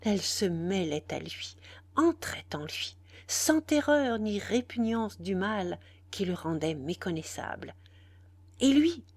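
A woman's voice: medium pitch, a little mellow, dry recording. A woman narrating a novel solemnly, often sinking into a whisper. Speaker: audiobook narrator.

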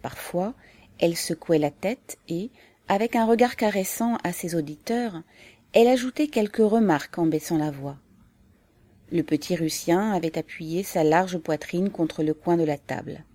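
A woman narrating a novel as an audiobook reader, in a calm, even and measured way. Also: fairly low pitch, dry recording.

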